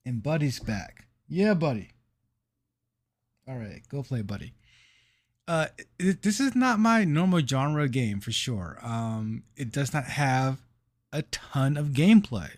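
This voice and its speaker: Man, podcast co-host, slow and halting, dry close mic, casual game chat. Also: medium pitch, sing-song, dry recording. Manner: slow, halting, searching for words.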